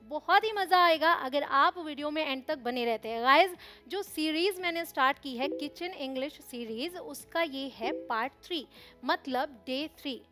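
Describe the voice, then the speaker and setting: A young woman teaching English vocabulary to camera, asking quiz questions and repeating each word slowly. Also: high-pitched, sharp tone, soft background music. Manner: slow repeated pronunciation drills with quiz questions.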